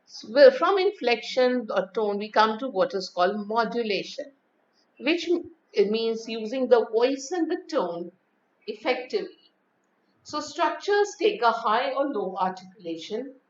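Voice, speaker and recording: Woman lecturer with a slightly high voice, explaining with a lively demonstrating manner, muffled lo-fi recording. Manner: demonstrates pitch and emphasis, reads rhymes slowly and expressively. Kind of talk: lecture on voice and speaking. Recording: dull lo-fi audio.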